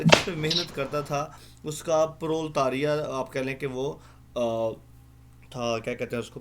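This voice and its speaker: A man teaching an exam-prep lecture in an online class, explaining slowly with many fillers and spelling out words letter by letter. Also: a little high.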